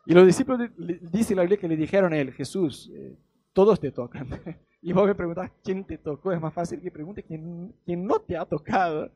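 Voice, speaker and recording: A young Argentine man preaching in a loose, joking way, slipping into quick character voices to act out the Bible. His voice sits high yet mellow, with a husky edge. The sound is close and dry. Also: dry recording. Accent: Argentine Spanish. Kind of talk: casual humorous sermon.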